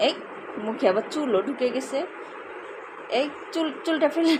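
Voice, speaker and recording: A woman's voice: high-pitched, moderate pace, noisy background. A mother coaxing and teasing her small child in a playful singsong baby-talk voice during a home video.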